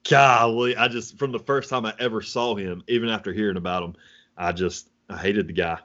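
A man's voice: on the low side, steady tone, a little fast, sharp tone. A young man co-hosting a podcast, rambling casually with lots of fillers. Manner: rambling, many "like"s, laughs easily. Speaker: podcast co-host, coach. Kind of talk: casual chat. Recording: dull lo-fi audio.

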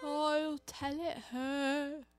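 A woman voicing a mournful, self-pitying Mock Turtle who speaks slowly and softly with sighs. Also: sits high, little pitch movement, voice pushed up. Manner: slow, sighing, hushed.

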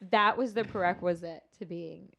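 A woman's voice: lowish voice, moderate pace, vocal fry, a bit bright. A young woman hosting a podcast in casual chat, gushing and swearing casually.

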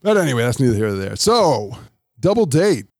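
A man's voice: mid-range voice, very animated, a little fast, darkish tone, no echo. Casting: male podcast host, mid-range voice, easygoing rambler, recorded dry and close. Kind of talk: casual chat with reading and recapping.

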